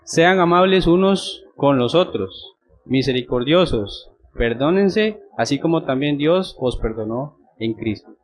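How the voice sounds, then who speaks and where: A man's voice: a little high, lively intonation, a little slow, low-quality recording. A young man from Costa Rica with a Costa Rican accent, preaching a sermon and telling a personal story in a conversational way, often checking in with his listeners. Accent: Costa Rican Spanish. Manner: conversational, checks in with frequent tag questions. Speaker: pastor.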